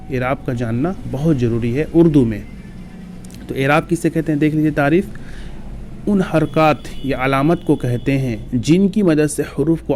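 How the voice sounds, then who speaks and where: A man's voice: medium pitch, darkish tone. A male teacher giving an exam-prep grammar lesson, patiently explaining step by step and reciting lists of letters.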